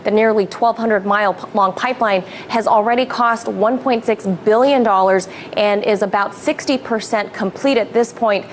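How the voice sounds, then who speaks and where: News lady reading her report, even and measured, faint hum behind. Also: mid-range voice.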